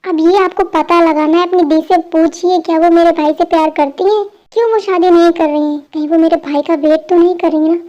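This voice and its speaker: A high-voiced performer voicing a spirited young wife, bossy and teasing, in a fan dub drama, with a scolding, insistent way of talking. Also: female voice, fairly even intonation, a little fast, few pauses, dark tone, highs cut off.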